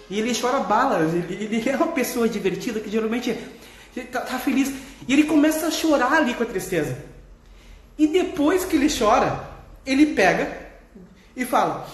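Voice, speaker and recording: Gaucho therapist guy vlogging, blunt and expressive, swears a lot, roomy echo. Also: very high voice. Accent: Gaúcho Brazilian Portuguese. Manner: candid, expressive, swears freely, laughs while talking. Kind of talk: casual vlog talk. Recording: echoey room.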